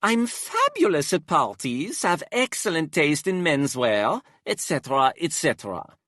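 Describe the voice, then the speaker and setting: A man's voice: fairly high pitch, huge pitch swings, a little slow, a bit bright, no echo, studio quality, voice pushed up, exaggerated voice. A man voicing a flamboyant, menacing young man who speaks in a sing-song, theatrical drawl and drops French endearments. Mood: boastful.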